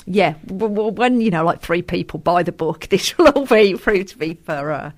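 A woman's voice: fairly low pitch, lively intonation, moderate pace. A woman, a novelist co-presenting a radio book show, chatting casually with wry humour and frequent laughter.

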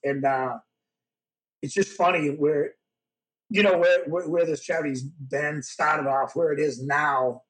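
A man's voice: fairly high pitch, unhurried, poor audio. A man, a podcast guest, telling stories in a casual interview and acting out the dialogue. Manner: animated storyteller who acts out dialogue. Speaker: podcast guest, former pro wrestler. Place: podcast studio.

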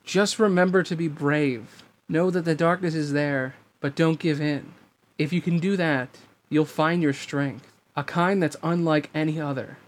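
A man putting on a soft-spoken girl from a storybook, calm and reassuring, her voice pitched noticeably above a normal male reading voice. She speaks with gentle encouragement and steady warmth. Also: measured pace, natural voice. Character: gentle mysterious girl guiding a lost boy.

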